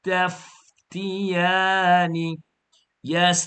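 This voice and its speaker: During a Quran lesson, this man chants the verse with a melodic lilt after breaking the syllables down slowly and fixing the learner's pronunciation. His tone comes across as sharp.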